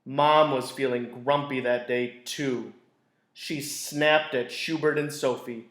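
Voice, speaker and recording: With a mid-range voice, a man who tells stories at school reads a children's picture book aloud, slow and full of expression. The recording has the echo of a large indoor room.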